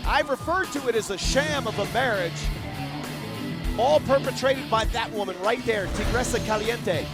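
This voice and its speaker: A man's voice: very high-pitched, moderate pace, loud music behind the voice. A man calling pro wrestling as a lucha libre play-by-play announcer, with emphatic, dramatic delivery.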